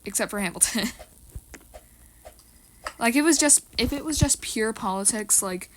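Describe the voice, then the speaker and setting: A woman's voice: on the high side, animated, normal speed, slight background noise, poor audio. A teenage girl chatting casually about a musical's characters, rambling with lots of fillers and restarts. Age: teens. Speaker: co-host of a rating video. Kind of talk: casual chat.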